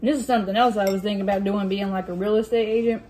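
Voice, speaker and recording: Eating soup on camera, a mukbang vlogger with a mid-pitched voice reads viewers' questions in an easygoing way. Occasional throat-clearing interrupts her, while clinking dishes and utensils fill a fairly noisy room.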